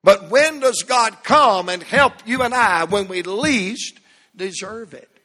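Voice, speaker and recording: Male pastor, slow deliberate sermon cadence, reverberant church hall. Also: high voice, animated, bright, forceful tone. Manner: emphatic preaching with dramatic pauses and falling phrase ends. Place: church sanctuary. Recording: long reverb of a large hall.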